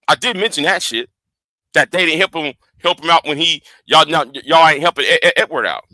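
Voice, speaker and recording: A man in his forties hosts a heated livestream in a high, piercing, bright voice, talking a little fast. He stammers, doubles back and repeats words while pushing his point. The recording is close and dry, with no room sound at all.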